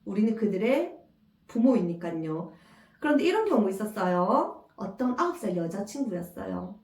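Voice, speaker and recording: A woman's voice: medium pitch, sing-song, normal speed, a little mellow. A middle-aged woman giving a parenting lecture, who acts out parent and child lines in a raised voice. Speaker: parenting educator. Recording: echoey room, mic at a distance.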